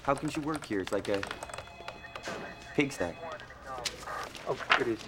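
An actor playing a wisecracking, impatient city detective who talks sarcastically and bluntly. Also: male voice, medium pitch, lively intonation, measured pace, over loud music, natural voice. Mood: wry. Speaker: detective partner. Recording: TV drama audio with background noise.

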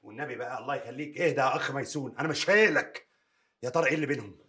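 An actor playing a jealous ex-husband in a sitcom, with an Egyptian accent and agitated ranting. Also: male voice, medium pitch, rapid-fire, pushed and bright, lightly acted. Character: jealous, hot-headed ex-husband.

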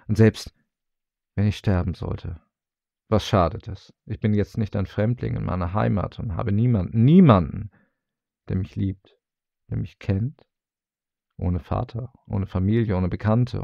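A man's voice: lowish voice, creaky, warm tone, dry recording, highs cut off. A man reading a storybook, voicing a grief-stricken, bewildered young fisherman with pleading, anguished outcries.

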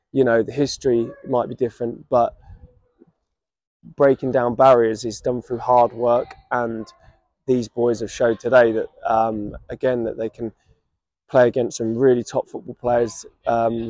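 Brief: English male football manager in his thirties, post-match, even flat delivery, dark tone, outdoor pitchside. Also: no room sound. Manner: reflective, measured, many restarts. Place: outdoors by a stadium running track. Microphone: camera at standing distance.

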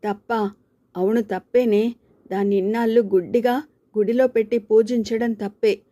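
A harsh, cursing old mother-in-law in a full temper, as a woman storyteller reads her part. Her voice sits low and mellow despite the scolding, recorded close and dry. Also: fairly even intonation, moderate pace, dry recording, lightly acted. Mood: angry scolding.

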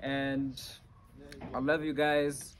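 A man's voice: medium pitch, flat delivery, extremely slow, slight background noise, low-quality recording. A young man from Namibia giving an earnest birthday speech to guests at an outdoor night party, speaking up so the crowd can hear. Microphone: phone camera a few metres away.

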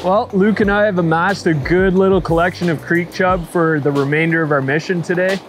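A man, chatting excitedly to viewers while fishing on a riverbank, recorded on a head-mounted action camera. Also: high voice, brisk, soft background music. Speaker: fishing vlogger. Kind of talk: casual fishing vlog commentary. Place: outdoors on a riverbank and lakeshore.

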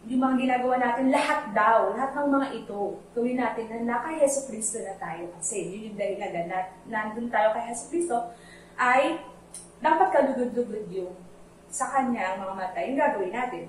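Mixing Tagalog with English, a Filipino woman patiently walks children through a Bible verse in Sunday school, singing its lines so they learn the tune. She speaks at an ordinary speed in a voice on the higher side, and there's a bit of hiss or hum. Captured from afar in an echoey space, the clip carries faint music.

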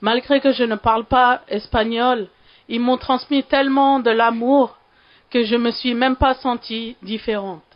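Woman, from Sri Lanka, church testimony, heartfelt, fairly high pitch, slightly muffled recording. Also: steady tone. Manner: heartfelt, halting at emotional moments. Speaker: church member giving testimony.

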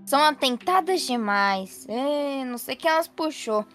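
A woman's voice: sits high, animated, measured pace, fairly bright tone, faint music behind. A woman voicing a weary mother of mischievous twins in a Roblox roleplay story, exasperated and sighing.

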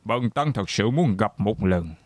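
A man's voice: on the low side, lively intonation, unhurried, dry recording, clean studio sound. A man dubbing a proud, boastful martial arts monk. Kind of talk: dubbed TV drama.

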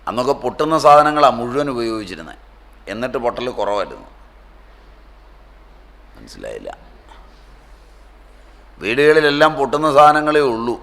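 A man giving a spiritual discourse, telling homely stories in a folksy way and drawing out scripture terms slowly in a chant-like tone. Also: mid-range voice, very animated, a bit bright. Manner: folksy storytelling with dropped-voice asides. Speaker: swami teaching a scripture class.

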